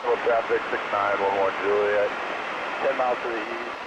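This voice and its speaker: Read it like a pilot keying a distant radio: deep voice, quick clipped calls, breaking up in heavy noise. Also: male voice, fairly even intonation. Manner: clipped, routine callouts. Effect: crackly, breaking-up aircraft radio. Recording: noisy distant radio transmission.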